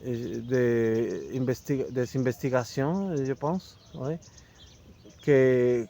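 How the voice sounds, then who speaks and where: Mexican man, Spanish native, Mexican Spanish accent; slow, halting talk to camera, mid-pitched voice, keeps searching for words. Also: vocal fry, warm tone, slight background noise. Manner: halting, searching for French words with many restarts. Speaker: video host presenting a book. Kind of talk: unscripted casual talk to camera.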